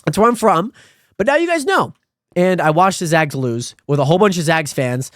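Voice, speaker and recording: Twenties male streamer, rambling and friendly, high bright-sounding voice, dry close mic. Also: normal speed, dry recording. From Spokane, Washington. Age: 20s. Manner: rambling, friendly, animated with sudden high pitch jumps. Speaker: livestreamer. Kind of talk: casual stream chat reading viewer comments.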